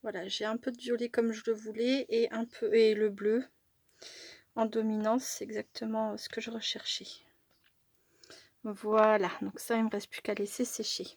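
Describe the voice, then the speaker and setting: A woman's voice: a little high, flat delivery, moderate pace, no room sound. A woman casually narrating a craft tutorial at her table, thinking aloud with little fillers and self-corrections. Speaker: crafting YouTuber.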